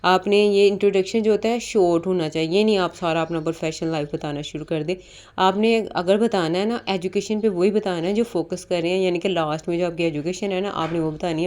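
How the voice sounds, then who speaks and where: A woman teaches interview preparation in a casual way, slipping English words into her explanations. Her voice sits a little low and sounds warm and mellow. She goes through each point patiently, one step at a time. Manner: explains step by step, often repeats "ठीक है"; mixes English terms into Urdu. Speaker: interview prep tutor. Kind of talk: casual spoken lesson.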